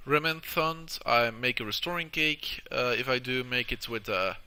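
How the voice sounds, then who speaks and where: Stuffy-nosed man with a very sharp, bright voice. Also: mid-range voice, clear, resonant tone. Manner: halting, hesitant delivery crowded with uhs. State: nose plugged with tissue from a nosebleed, stuffy nasal sound. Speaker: gameplay video host. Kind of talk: casual video game walkthrough commentary.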